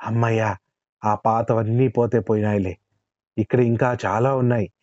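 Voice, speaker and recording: A man's voice: fairly low pitch, steady tone, normal speed, darkish tone, no echo, highs cut off, lightly acted. A man voicing a greedy, panicky village man who wails and pleads in a storybook tale. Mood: relieved. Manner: wailing, pleading.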